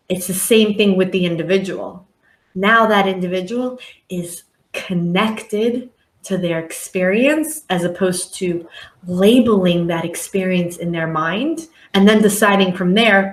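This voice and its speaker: Slow, earnest woman coaching in a roomy space. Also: on the low side. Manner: earnest, reflective, acts out clients' voices. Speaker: guest life coach. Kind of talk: podcast interview talk.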